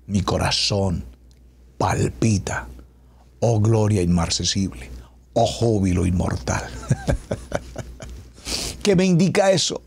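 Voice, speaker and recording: A middle-aged man preaching a radio sermon as a pastor, emphatic, stretching key words and dropping to a hush at climaxes. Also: lowish voice. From Colombia.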